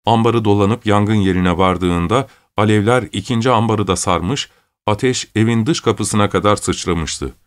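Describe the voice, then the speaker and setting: A man narrating a story in a measured, unhurried way. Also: fairly low pitch. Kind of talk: audiobook story reading.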